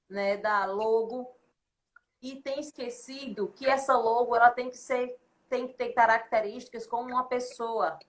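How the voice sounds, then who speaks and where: A woman's voice: on the high side, a bit bright. A woman, a consultant guest explaining her points in a didactic, list-like way on a podcast. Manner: didactic, lists points in repeated phrases.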